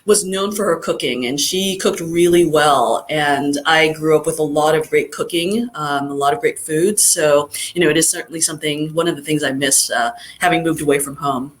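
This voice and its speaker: A middle-aged guest from Southern California, talking in a casual interview in a thoughtful, rambling way with many fillers. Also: female voice, low-pitched, normal speed, hardly any pauses. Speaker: guest chiropractor.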